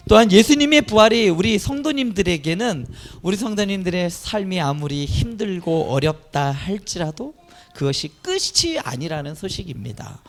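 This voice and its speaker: A male pastor delivers a sermon with a high, gravelly voice. His pitch swings widely as he preaches, rising to emphatic peaks. The delivery is animated and earnest. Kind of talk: Easter sermon.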